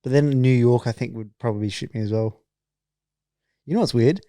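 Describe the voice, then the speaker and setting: A man's voice: mid-range voice, mellow. An Australian man co-hosting a podcast, bantering casually and questioning the others with a bit of swearing. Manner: skeptical, quick to question and swear. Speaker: podcast co-host.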